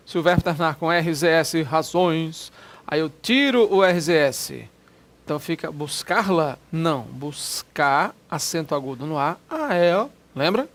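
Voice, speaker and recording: A man teaching grammar in an exam-prep lecture, lively and repetitive, spelling words out letter by letter. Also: a little high.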